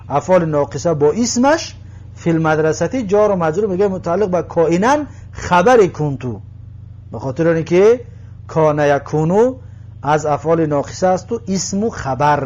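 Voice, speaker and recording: A man with a Tajik accent teaching an Arabic lesson, reading each word and repeating its translation slowly. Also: fairly high pitch, darkish tone. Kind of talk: recorded language lesson.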